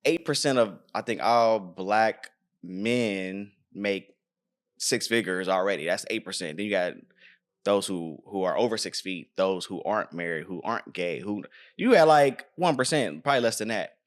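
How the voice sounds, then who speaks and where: A man's voice: fairly low pitch, expressive, normal speed. A man hosting a podcast, talking in a loose, rambling, casual way and swearing freely. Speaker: podcast host.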